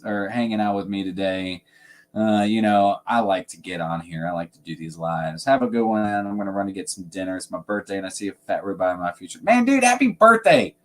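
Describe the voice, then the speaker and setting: A man's voice: on the low side, a little mellow. A man hosting a fragrance livestream, chatting casually and rambling with frequent laughs. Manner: laid-back, rambling, laughs often. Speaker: fragrance channel host.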